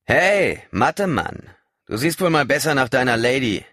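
A man voicing a fierce militant woman who leads a revolutionary cell, loud and biting in her mockery. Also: fairly low pitch, sing-song, normal speed, gravelly, dry recording, studio quality, voice pushed up, exaggerated voice. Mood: scornful.

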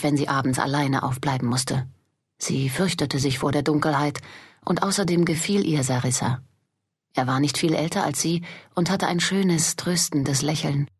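A woman narrates a fantasy audiobook in a deep, husky voice. Her reading is measured and steady, with the pacing of scripted storytelling.

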